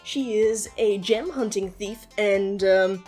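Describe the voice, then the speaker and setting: A woman with a medium-pitched, somewhat dark voice speaks slowly as she hosts a quiz, casually and enthusiastically testing her partner on game characters. She swears freely while explaining the game's lore, and background music plays beneath her voice.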